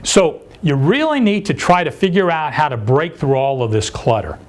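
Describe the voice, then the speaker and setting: A man's voice: a little high, moderate pace. An older man, a sales consultant, giving a seminar talk and putting questions to his audience. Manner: animated, addresses audience with questions.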